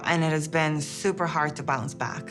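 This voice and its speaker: A woman's voice: deep voice, fairly even intonation, moderate pace, loud music behind the voice. A woman in her thirties from Bosnia, telling her dating story candidly in a confessional interview, with frequent giggles. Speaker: reality show cast member.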